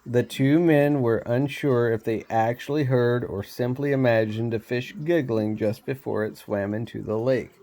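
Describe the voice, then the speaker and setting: A man reading a storybook aloud, unhurried, with small slips he laughs off. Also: mid-range voice, steady tone, dark tone.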